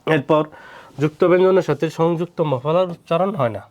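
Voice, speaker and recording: A man's voice: fairly high pitch, fairly quick, a little mellow. A man, teaching pronunciation rules and asking himself rhetorical questions as he walks through repeated example words. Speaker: Bengali language teacher. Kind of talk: explaining pronunciation rules to students.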